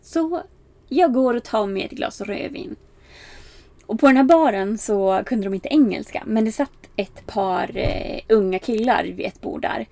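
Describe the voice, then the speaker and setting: Animated young woman telling a story. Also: on the high side, vocal fry, no echo. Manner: animated, acts out quoted exchanges with bright raised voice; frequent filler "bara" and "liksom", laughs at herself. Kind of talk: casual storytelling.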